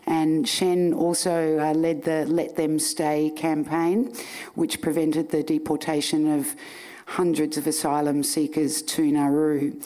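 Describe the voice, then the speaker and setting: A woman's voice: sits low, little pitch movement, takes it slowly, dark tone. A woman hosting a live on-stage interview, with a dry teasing humour. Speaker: podcast host.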